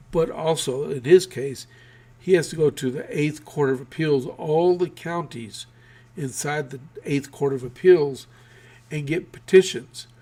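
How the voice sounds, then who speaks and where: A Texan man hosts his own political news show, speaking casually with plenty of fillers and restarts while his voice gives out. His voice is medium in pitch and a little mellow.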